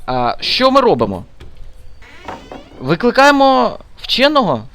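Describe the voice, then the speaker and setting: A man's voice: on the high side, a bit bright. A man giving casual let's-play commentary, chatty and muttering to himself, scolding the game characters as he plays.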